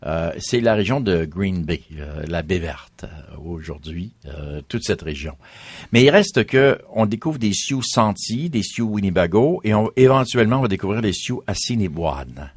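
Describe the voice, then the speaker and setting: A man with a very deep, low voice, talking as a history guest on a radio interview. He explains patiently and lists names one after another. The sound is dry and close, with no room around it. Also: animated, moderate pace, slightly rough, dry recording.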